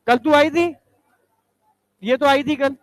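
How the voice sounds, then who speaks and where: A male teacher quizzing students in a classroom, briskly ordering them to stand up and recite examples. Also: very high-pitched, fairly even intonation, no room sound.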